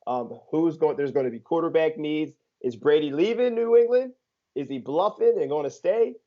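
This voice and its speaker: A man's voice: fairly high pitch, moderate pace. A man co-hosting a sports podcast, chatting casually with teasing jokes and plenty of ums. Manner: joking and teasing, lots of ums and filler. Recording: dull lo-fi podcast audio.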